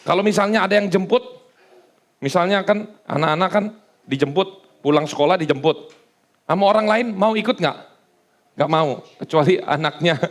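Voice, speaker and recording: High-pitched, gravelly-voiced male pastor. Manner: casual, joking, conversational preaching. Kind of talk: sermon. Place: church service.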